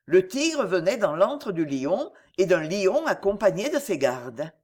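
Expressive woman reading a classic novel. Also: lowish voice, measured pace. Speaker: audiobook narrator. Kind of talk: literary audiobook narration.

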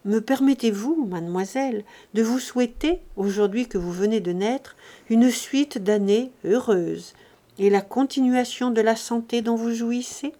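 A woman reading aloud plays a stiff, pompous magistrate in an audiobook. He courts with slow, ceremonious phrases and a sententious tone. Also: on the high side, dark tone, lightly acted. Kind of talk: audiobook character voice.

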